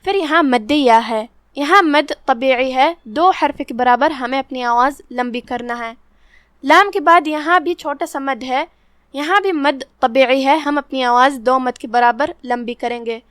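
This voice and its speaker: A woman teaching Quran recitation rules, explaining each letter calmly and reciting verses very slowly. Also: high voice, clean tone, no room sound, clean studio sound. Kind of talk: tajweed lesson with slow recitation.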